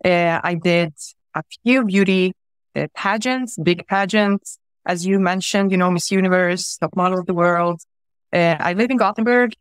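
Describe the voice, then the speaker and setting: A woman in her thirties from Croatia, raised in Sweden, answers interview questions easily, with plenty of fillers. Her voice is a little low. The sound is dry, taken over a video call. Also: moderate pace, clean tone, dry recording. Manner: friendly, easygoing, many fillers. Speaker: guest. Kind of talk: casual interview. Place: room at home, indoors.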